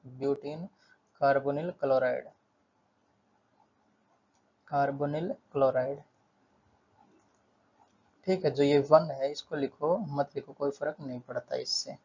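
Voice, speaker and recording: A man's voice: medium pitch, fairly even intonation, slow pace, long pauses, a little mellow, slightly rough, lo-fi sound. A male chemistry tutor explaining a lesson at a board, steadily repeating terms and counting aloud.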